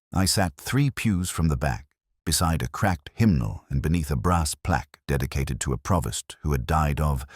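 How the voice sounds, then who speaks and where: A man voicing a weary, brooding middle-aged police inspector, narrating a mystery in the first person in a measured, reflective way. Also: rumbling low, dry recording, studio quality, exaggerated voice.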